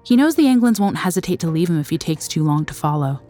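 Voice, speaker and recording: A woman giving scripted documentary narration, recorded as a studio voice-over, in a measured, dramatic storytelling manner. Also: lowish voice, expressive, warm tone, soft background music.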